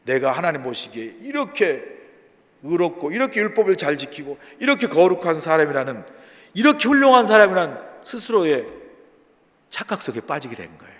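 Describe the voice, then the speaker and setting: A man's voice: on the high side, brisk. Earnest man preaching with hall reverb. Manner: earnest, animated preaching with rhetorical questions. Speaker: pastor. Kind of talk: sermon. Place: church.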